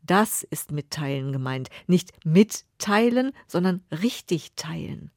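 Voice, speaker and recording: A woman voicing a small, gentle angel who speaks softly and patiently. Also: sits low, unhurried, no echo, studio quality. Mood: gently firm. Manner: soft, patient, sometimes whispered.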